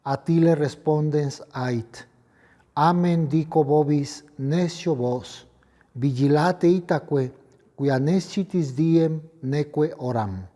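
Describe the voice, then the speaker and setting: A priest reads the Gospel solemnly and preaches at Mass, partly chanting, in a large church with a cathedral echo. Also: male voice, dark tone. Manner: slow, measured liturgical delivery, partly chanted. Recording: booming cathedral echo with long reverb.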